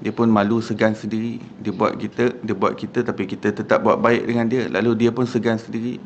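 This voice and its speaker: A man with a Malaysian accent giving a religious lecture in a mosque hall, telling stories in a lively, conversational way with frequent "ha" and "ya". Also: lowish voice, fairly quick, highs cut off, a little hiss or hum. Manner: animated, conversational with frequent "ha" and "ya" fillers.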